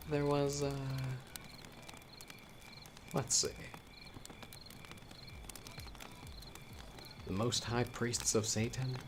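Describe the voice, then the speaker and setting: In a horror audio roleplay, a man with a medium-pitched, natural voice plays a chatty young storyteller hiding a sense of menace. He talks casually, with wry asides and hesitant pauses, over some background noise, giving a wry, spooky mood.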